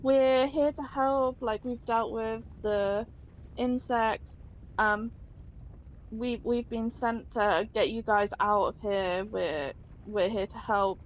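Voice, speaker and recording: A woman's voice: a little high, steady tone, slow, lo-fi sound, a little hiss or hum. A woman voicing an earnest young female adventurer who reassures and repeats herself. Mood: pleading.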